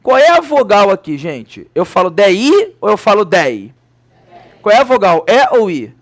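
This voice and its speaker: High-voiced Brazilian Portuguese teacher. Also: male voice, moderate pace. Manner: lively, rhetorical questions answered himself. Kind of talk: recorded classroom lecture.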